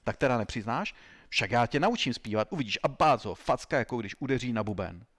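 A man voicing a zealous, self-important male police agent who shouts accusations in an interrogation. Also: mid-range voice, lively intonation, lightly acted. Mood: bullying.

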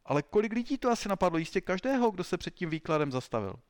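A man's voice: high voice, very animated, a little hiss or hum, voice pushed up. A man doing a whiny pleading suspect. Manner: whiny protesting innocence. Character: cornered pleading male suspect, timid.

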